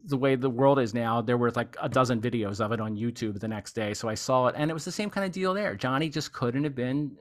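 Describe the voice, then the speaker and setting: A man's voice: medium pitch, fairly quick, few pauses. Rambling, enthusiastic male podcast host. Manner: rambling and enthusiastic, heavy use of "you know". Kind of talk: casual podcast chat.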